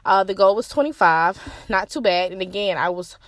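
A young woman hosts a motivational podcast in a casual, encouraging way. She sounds a little out of breath, and her pitch sits in an ordinary middle range. The recording is dry and close, with no room sound. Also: normal speed, no echo. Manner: upbeat, motivational, slightly breathless after a walk. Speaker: podcast host and life coach.

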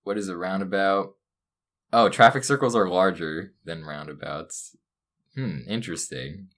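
Playful young man with a bright voice. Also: low-pitched, unhurried. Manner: playful, mock-serious, laughs often. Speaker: podcast co-host. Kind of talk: casual comedic chat.

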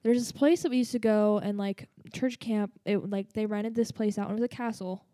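A woman tells a story in a loose, rambling way, with many fillers and asides. A slight lisp colours her speech, and her tone is mellow and dark. The sound is dry, with no room echo. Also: mid-range voice, fairly even intonation, brisk. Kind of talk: casual storytelling.

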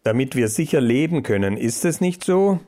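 A man's voice: mid-range voice, expressive, moderate pace, warm tone, lightly acted. A man voicing a domineering male mouse boss who speaks in a sugary, coaxing voice. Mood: sugary rousing.

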